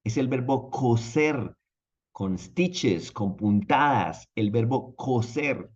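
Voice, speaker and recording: In a muffled recording, a husky man of medium pitch leads an online language lesson as an English teacher. He takes his time explaining, with a lively, drawn-out manner and frequent check-ins with his audience.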